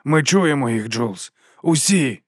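A male audiobook reader voicing a nervous man at a radio transmitter, speaking hesitantly with a hoarse edge. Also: medium pitch, lively intonation, slow, dry recording, clean studio sound. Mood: earnest.

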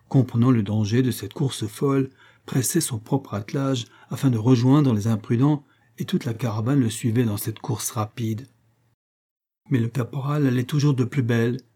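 A male audiobook narrator reads a classic novel in a measured, even storyteller's manner. His voice is mellow and warm, sitting at an ordinary mid pitch. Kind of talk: scripted narration.

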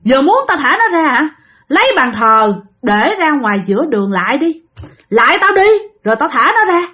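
A woman's voice: very animated, normal speed, bright, forceful tone, full character voice. A woman voicing the vengeful spirit of an old great-uncle who has possessed a relative; he threatens and repeats himself. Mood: menacing. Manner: shrill, threatening, repeats words.

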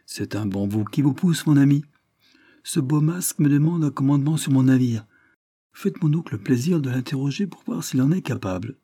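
Gruff old privateer in a storybook, dark and husky, exclaims freely, read by a male narrator. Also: mid-range voice, expressive, moderate pace, voice pushed up. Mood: gruff emotional. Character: old male corsair father, gruff and emotional.

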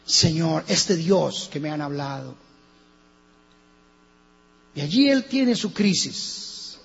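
A man with a Colombian accent preaching a sermon as pastor, swinging between hushed and loud passages. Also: on the high side, sing-song, slow, vocal fry, breathy edge. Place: church hall. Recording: lo-fi church recording with long reverb and mains hum.

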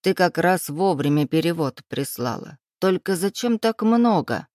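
A woman voicing a doting elderly village grandmother who talks slowly with a lowered, sighing voice. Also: expressive, darkish tone, no room sound, studio quality. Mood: fussing.

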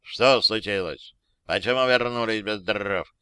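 A man's voice: medium pitch, big pitch swings, fairly quick, pushed and bright, no echo. A man voicing a stern army captain in an audiobook, speaking coldly and drily. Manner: cold and dry. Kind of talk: audiobook character voice.

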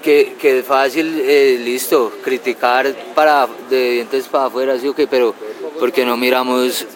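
A man from a punk band talks in a rough, slangy way, sometimes mocking others in a sing-song voice. His voice is mid-pitched and ordinary. A loud outdoor crowd rumbles behind him. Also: little pitch movement, measured pace, rough recording. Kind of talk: casual interview answers.

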